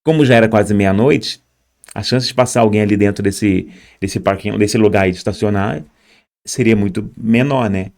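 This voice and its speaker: A young Brazilian man tells his own immigrant story, addressing viewers directly and pointing at footage on screen. His voice is on the low side and a little mellow, at normal speed.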